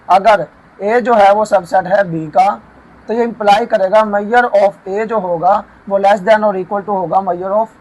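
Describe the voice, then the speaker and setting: Man, math teacher, high voice, proof lecture, slow dictated formulas, frequent check-ins. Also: poor audio. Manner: slows to dictate each formula; often checks in with "theek hai".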